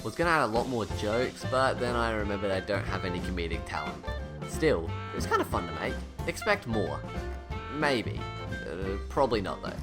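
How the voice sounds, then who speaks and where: Low-voiced man with a slushy lisp. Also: lively intonation, moderate pace. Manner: blunt, sarcastic, sweary, self-deprecating at times. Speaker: video reviewer. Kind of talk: scripted critical review voice-over. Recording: voice-over with music underneath. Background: background music.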